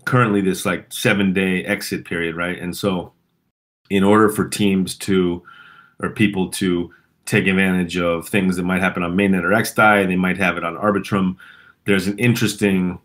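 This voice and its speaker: A man's voice: sits low, fairly bright tone. A man with a sore throat hosting a casual community call, rambling with fillers and restarts.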